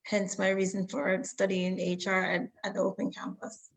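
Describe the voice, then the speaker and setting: A woman, from the Bahamas and Jamaica. She speaks steadily and articulately as a guest in an interview, keeping her pitch very even. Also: moderate pace, poor audio. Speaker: guest graduate. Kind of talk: conversational interview.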